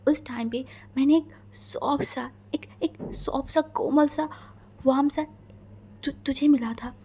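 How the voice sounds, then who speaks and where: Woman putting on a possessive young husband, intense and low-key, kinda high voice but threatening. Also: animated, normal speed, a little hiss or hum. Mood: hushed, obsessive. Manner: intense, low and hushed, menacing questioning. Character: possessive, obsessive young husband, cold and menacing. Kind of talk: fan fiction story reading.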